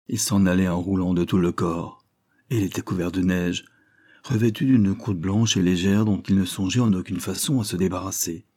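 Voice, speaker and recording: A man narrating an audiobook in a measured storytelling manner. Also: deep voice, warm tone, husky.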